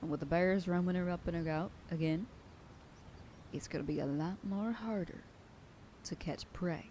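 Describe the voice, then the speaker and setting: A voice actor plays a bossy female werewolf sheriff lecturing her pack in an ASMR roleplay, lightly acted, stern and commanding, sometimes dropping to a whisper as she issues a warning. Her voice is on the low side and mellow, at a moderate pace, with a little hiss or hum.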